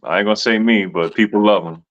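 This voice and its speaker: A man hosting an interview, asking questions in a relaxed, laid-back way. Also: fairly low pitch, quick pace. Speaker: podcast host. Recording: dull lo-fi sound.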